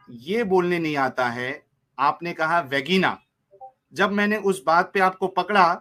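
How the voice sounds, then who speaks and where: A man's voice: on the high side, bright, forceful tone. A man hosting a heated live-stream debate, interrupting and mocking the caller.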